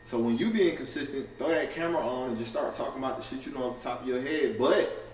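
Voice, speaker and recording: A man in a casual livestream to camera, talking fast and loosely with lots of slang, profanity, restarts and "you feel me" asides. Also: medium pitch. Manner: fast and offhand. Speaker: content creator going live. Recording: roomy, distant camera audio with faint ambience.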